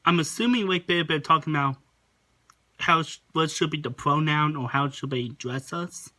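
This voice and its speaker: A man hosting a reaction video, talking casually and rambling, sometimes pausing to search for his words. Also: a little high, pushed and bright.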